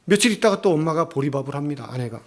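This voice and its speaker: A man's voice: on the high side, lively intonation, racing. A middle-aged male pastor preaching a sermon, telling a family story and acting out the quotes. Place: church sanctuary.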